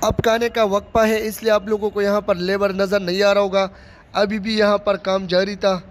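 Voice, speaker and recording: A man's voice: high-pitched, level tone, moderate pace. A man from Pakistan narrating a casual walking tour of a large stadium under construction, recorded outdoors on a handheld phone, talking in plain running commentary and repeating his phrases. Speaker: vlogger giving a site tour. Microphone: phone camera held by the speaker.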